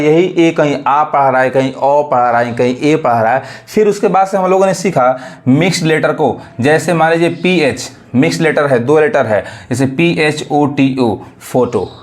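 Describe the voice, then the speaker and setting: A man teaching English phonics to beginners in a Hindi accent, asking questions and repeating each word slowly. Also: fairly high pitch.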